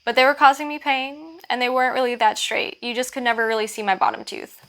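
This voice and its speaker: A woman's voice: sits high, steady tone, fast, a bit bright. A woman vlogger chatting casually to camera with advice, informal and self-deprecating, with a lisp from wearing a retainer. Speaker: vlogger and channel host.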